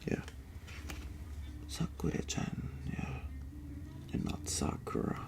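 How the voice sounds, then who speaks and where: Recorded with heavy noise, a young adult speaking Tagalog whispers slowly through a meandering ASMR chat in a bedroom. The creator keeps cutting off mid-sentence and lets out sudden breathy exclamations.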